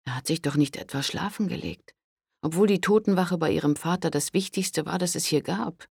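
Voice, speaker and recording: A man reading a historical audiobook in a calm, measured way, recorded close to a studio microphone. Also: fairly high pitch, gravelly, slightly rough, no room sound. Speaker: audiobook narrator. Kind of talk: scripted historical audiobook narration.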